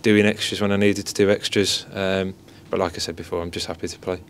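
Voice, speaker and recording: A man's voice: low voice, little pitch movement, quick pace, a little hiss or hum. A young man in his twenties, a goalkeeper, giving a modest post-match interview into a cluster of handheld mics in an indoor press area. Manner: modest, repeats stock phrases. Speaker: football goalkeeper. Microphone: several handheld mics and phones held close.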